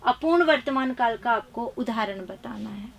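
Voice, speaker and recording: High-voiced woman teaching grammar briskly. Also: lively intonation, gravelly, slight background noise. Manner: brisk quizzing, reading options and answers aloud; chiding, emphatic. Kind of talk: live online exam-prep class.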